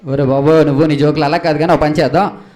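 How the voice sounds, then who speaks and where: High-voiced young man leading a comic skit. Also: fast. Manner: lively, exasperated questioning of his partner. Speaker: skit host and straight man. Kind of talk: comic stage skit with audience interaction. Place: event stage before a live audience.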